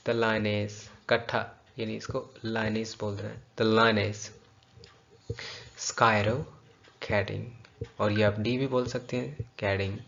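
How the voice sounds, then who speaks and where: A man teaching English pronunciation, repeating words slowly and deliberately to drill them. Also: lowish voice, level tone, gravelly. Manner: drills words by slow, drawn-out repetition. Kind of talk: bilingual pronunciation lesson. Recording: dull lo-fi recording.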